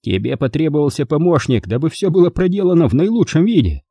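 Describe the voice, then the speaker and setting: A cocky young man with a gun sneers and drawls in a raised, mocking voice, as a narrator puts him on. His husky tone jumps across a wide range. The read is dry and close, like a studio audiobook. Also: fairly high pitch, big pitch swings, fast talker, mellow, no room sound, pitched above the performer's own voice, heavily acted. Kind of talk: audiobook character voice.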